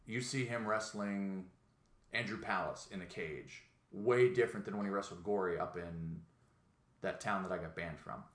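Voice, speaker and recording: A man's voice: deep voice, normal speed, echoey room. A man hosting a podcast in casual chat, telling rambling, profane stories with quoted voices. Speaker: podcast host.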